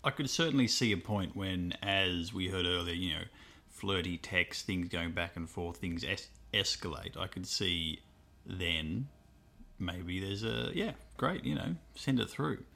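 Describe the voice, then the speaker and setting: A man's voice: sits low, a little slow, pushed and bright. A man in his thirties co-hosting a podcast in casual chat, dropping in brief, dry comments. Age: 30s. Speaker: podcast co-host.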